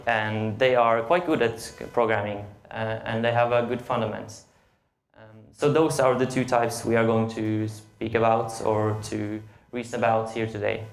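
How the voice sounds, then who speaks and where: Hesitant young Norwegian man, gravelly voice. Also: mid-range voice. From Norway. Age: late teens. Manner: hesitant, with frequent "uh" and "um" fillers. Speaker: conference speaker. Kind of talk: tech meetup presentation. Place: meetup event room. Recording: roomy echo of a meeting room.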